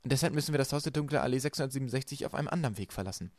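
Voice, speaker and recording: A man's voice: mid-range voice, lively intonation, very fast, no echo, lightly acted. A man reading an audiobook aloud and voicing a bookish teenage boy, subdued and thoughtful.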